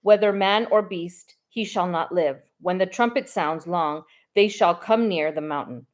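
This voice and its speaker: A woman reading the Bible aloud at a steady, careful pace, with small stumbles now and then. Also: medium pitch. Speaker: scripture reader.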